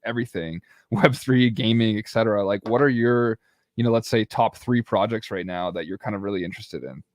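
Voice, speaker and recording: Excitable young male podcast host. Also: on the low side, no echo, studio quality. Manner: enthusiastic, filler-heavy. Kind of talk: casual interview chat.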